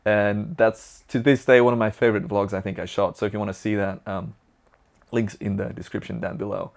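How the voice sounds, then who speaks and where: A young man from Belgium who vlogs, speaking Dutch natively with a Flemish accent, fields viewer questions in an upbeat, talkative, rambling manner. His voice is lowish and brisk with fairly even intonation.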